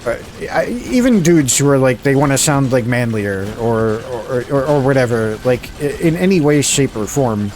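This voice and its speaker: A man from the Philadelphia suburbs in the USA chats casually on a live stream, mumbling slightly and talking fairly slowly. He rambles and restarts his sentences, and his medium-pitched, slightly mellow voice swings widely in pitch. There is a little hiss or hum in the audio.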